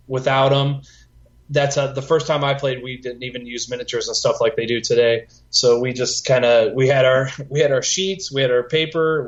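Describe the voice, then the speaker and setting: A man in his thirties co-hosting a casual podcast, telling stories and laughing often. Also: mid-range voice. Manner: nostalgic, storytelling, laughs often. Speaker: podcast co-host. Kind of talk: casual chat. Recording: dull lo-fi sound.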